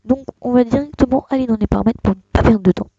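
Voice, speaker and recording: Young tutorial host, gravelly and mellow, hesitant delivery, dull dry desktop mic sound. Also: mid-range voice, fast, dry recording. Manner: hesitant, many fillers and restarts. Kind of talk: casual screen-recorded tutorial.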